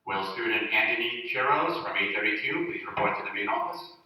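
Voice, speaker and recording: A man's voice: lowish voice, lively intonation, brisk. Man announcing over a school intercom. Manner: formal and polite. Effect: school intercom loudspeaker. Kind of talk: public address announcement. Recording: echoey loudspeaker heard from far off.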